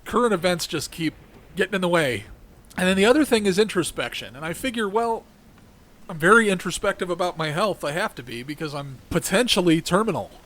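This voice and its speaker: A man's voice: sits high, expressive, brisk, a bit bright. A middle-aged man hosting his own show, talking in a rambling, conversational way with a congested voice that keeps cracking. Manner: heated and ranting, then rambling and conversational. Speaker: podcast host. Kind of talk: casual political monologue.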